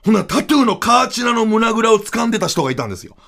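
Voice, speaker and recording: Kansai-accented man, comic storyteller, gravelly, bright, loud mock-dramatic monologue. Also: sits high, big pitch swings, rapid-fire. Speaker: comedian storyteller.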